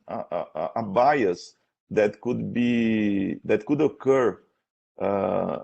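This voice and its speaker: Halting, creaky-voiced man, slow academic questioner. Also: medium pitch, a little mellow. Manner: halting, hesitant, repeats words while searching for phrasing. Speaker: thesis defense examiner. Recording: dull, lo-fi sound.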